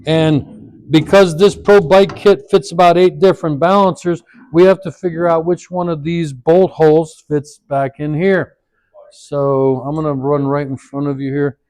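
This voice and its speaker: A man's voice: fairly high pitch, steady tone, a little slow, a little mellow. A man giving a hands-on workshop demonstration, rambling and thinking aloud as he works, his voice drifting away from the mic. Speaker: equipment trainer.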